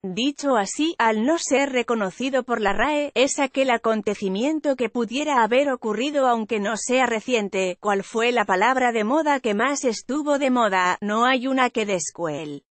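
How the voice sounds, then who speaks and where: A woman reading a news article aloud in an even, measured way, as a news voice-over. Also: on the high side, no echo. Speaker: news reader.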